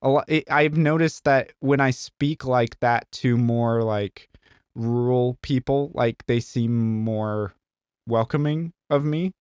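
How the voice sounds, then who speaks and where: Co-hosting a podcast, a young Southern Illinois man chats casually, rambling, joking and filling his speech with lots of "like" and "um". He has a mid-range, darkish voice and takes it slowly, in a clean studio-quality recording with no room sound.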